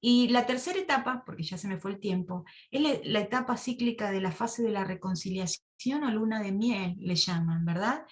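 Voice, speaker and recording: A woman's voice: medium pitch, moderate pace, hardly any pauses. Woman teaching a women's Bible study. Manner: animated storytelling, rhetorical questions. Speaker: women's service speaker. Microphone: video call.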